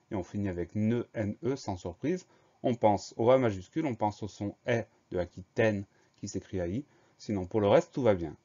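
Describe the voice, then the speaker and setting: A man teaching a spelling lesson, slowly spelling each word out letter by letter and explaining its grammar. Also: lowish voice, darkish tone. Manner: slow, spells words letter by letter. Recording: slightly dull lo-fi sound.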